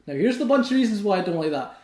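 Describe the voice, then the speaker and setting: A young man hosting a podcast, chatting casually, swearing often and ranting excitedly. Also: sits high, racing, echoey room. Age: young adult. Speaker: podcast host. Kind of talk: casual chat.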